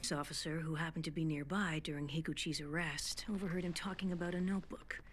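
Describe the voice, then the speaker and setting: Low-voiced cool young detective prodigy. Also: female voice, fairly even intonation, husky, soft background music. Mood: detached. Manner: detached, measured, matter-of-fact. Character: cold, cerebral young male detective prodigy. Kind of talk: anime dub acting.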